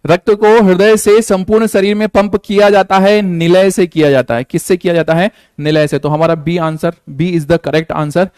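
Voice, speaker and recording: A man's voice: fairly high pitch, a little mellow, smooth, no echo. A man teaching a live online class, coaxing students with repeated questions and playful jokes.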